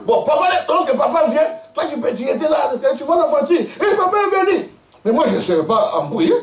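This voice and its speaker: A man preaching a lively sermon as pastor, telling stories with frequent laughter and quizzing his congregation. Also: extremely high pitch, fast talker. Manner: animated storytelling, laughing often, quizzing the congregation. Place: church hall. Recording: echoey church hall, mic at a distance.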